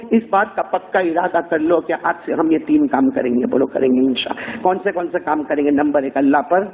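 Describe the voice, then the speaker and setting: A man preaching an emotional sermon in a mosque, impassioned and pleading, calling on the crowd to answer back. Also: a little high. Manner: impassioned, rises to shouting and tearful pleading. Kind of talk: emotional Urdu sermon storytelling. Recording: tinny, narrow phone-like sound.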